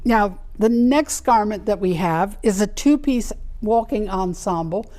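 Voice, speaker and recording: A woman guest in a show-and-tell chat, explaining antique sewing and fabric details one by one. She takes her time, speaking at an unhurried pace. Her voice is soft and mellow. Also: mid-range voice, lively intonation. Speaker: doll collector guest.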